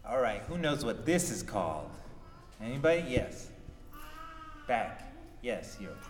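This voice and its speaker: A man's voice: medium pitch, sing-song, a little slow, faint music behind. A man showing a class of children the sitar, explaining it patiently and asking them questions. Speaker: sitar player teaching children. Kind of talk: classroom music demonstration. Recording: echoey hall. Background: sitar playing.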